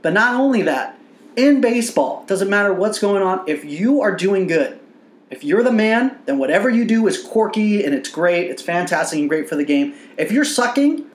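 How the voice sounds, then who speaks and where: A man co-hosting a podcast in casual sports chat, animated and profane, laughing often. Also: high-pitched, moderate pace, roomy sound. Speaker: podcast co-host.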